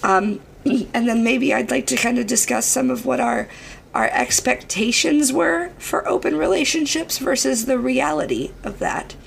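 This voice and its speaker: Podcast host, woman, badly hoarse and gravelly, fairly high voice, casual, playful, sweary. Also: normal speed, slight background noise. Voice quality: hoarse, shot voice from overwork.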